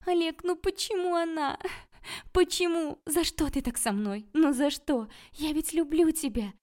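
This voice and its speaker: A woman reading an audiobook, voicing a hysterical young woman who shouts tearful accusations at her rival. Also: high-pitched, measured pace, pitched above the performer's own voice. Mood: sobbing.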